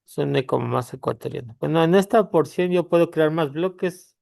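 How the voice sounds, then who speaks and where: Un hombre con la voz áspera y crujiente, que explica un programa paso a paso con muchas pausas. La grabación es seca, sin eco de la sala. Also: male voice, a little high, gravelly, a little mellow, dry recording, studio quality. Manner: halting explanation, pausing with tag questions. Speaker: tutorial host. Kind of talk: screen-recorded software tutorial.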